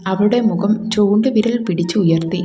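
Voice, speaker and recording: A woman narrating a romance story in a calm, measured reading voice, with a roomy echo and faint music. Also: medium pitch.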